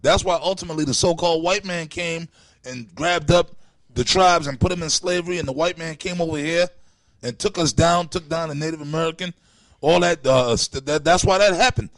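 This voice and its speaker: A man with a somewhat high voice, speaking a little quickly with no echo, reads scripture aloud in an open religious forum. He mixes in commentary, preaching and berating his critics in a profane, confrontational manner.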